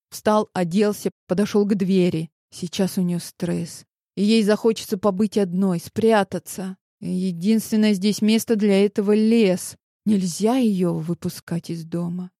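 A woman reading a novel aloud as an audiobook narrator, in a measured, even manner. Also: mid-range voice, no echo, studio quality. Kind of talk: scripted narration.

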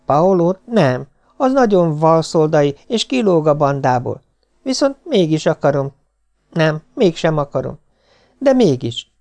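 A man's voice: on the high side, sing-song, creaky, a little mellow. A man voicing a moody, anxious sixteen-year-old girl who keeps changing her mind, in an audiobook reading. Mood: dithering. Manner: flustered, flip-flopping, sobbing.

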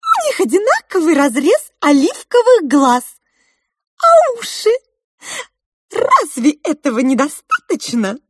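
A woman voicing an excitable, clever pink female mouse with a squeaky, high, loud voice. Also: unhurried, pauses often, no echo, studio quality, heavily acted. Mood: pleading.

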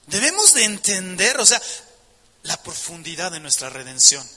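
A man delivers a fervent sermon in an emphatic preaching style, firing rhetorical questions at his listeners. His voice sits high and rings very bright and sharp. A long reverb trails behind his words. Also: big pitch swings, moderate pace.

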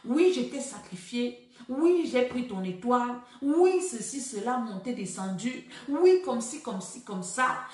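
A woman's voice: a little high, animated, a little slow, a little mellow. A woman quoting the mocking voice of a male spirit, Satan, in a taunting singsong. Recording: very echoey room, voice far from mic.

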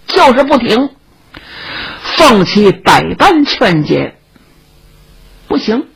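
A woman narrating a traditional story, dramatic and vivid, with a raspy voice. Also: sits high, rough recording.

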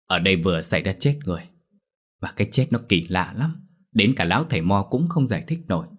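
A man's voice: low-pitched, animated, fast talker. A man doing a fretful older villager. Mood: worried. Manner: rough-spoken, fretful. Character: anxious older male villager.

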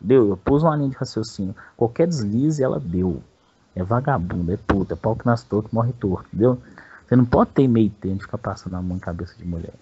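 A man's voice: lowish voice, fast, mellow, slightly rough, highs cut off. A Brazilian man telling a personal story in a rambling, crude way, with a lot of slang. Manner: rambling and crude, peppers speech with "velho". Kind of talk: casual storytelling.

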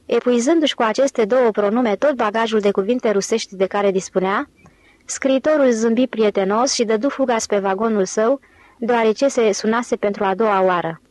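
A woman narrating an audiobook in a steady, clear storytelling manner. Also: on the high side, no echo. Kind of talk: scripted narration.

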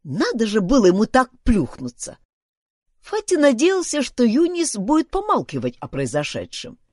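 A woman narrating a children's detective story in an expressive reading voice. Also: on the high side, normal speed, dry recording, clean studio sound. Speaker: audiobook narrator.

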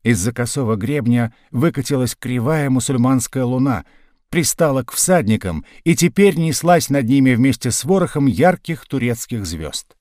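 Measured male audiobook narrator, dry sound. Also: medium pitch, no room sound. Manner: measured storytelling read, lively in action. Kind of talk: scripted narration.

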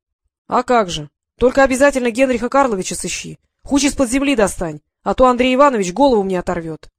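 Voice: mid-range voice, lively intonation, quick pace, dry recording, studio quality, natural voice. A reader voicing a nervous, obsequious male clerk who fawns before his superior. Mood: fawning. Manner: obsequious, wheedling. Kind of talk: audiobook character voice.

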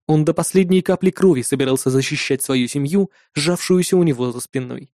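A man reading a first-person fantasy adventure aloud in steady storytelling style. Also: fairly high pitch, a little fast, dry recording, clean studio sound. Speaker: audiobook narrator.

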